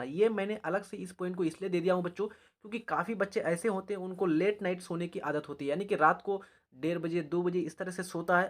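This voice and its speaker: A man's voice: high-pitched, a bit bright. Man, teacher, exam advice lecture, repetitive, addresses students as children. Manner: repetitive, often checks in with "all right" and calls the students "children".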